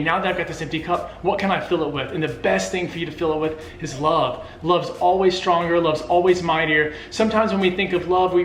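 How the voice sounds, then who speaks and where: High-voiced man giving earnest motivational talk. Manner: earnest, emphatic, repeats phrases. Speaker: co-host. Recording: roomy echo, faint noise.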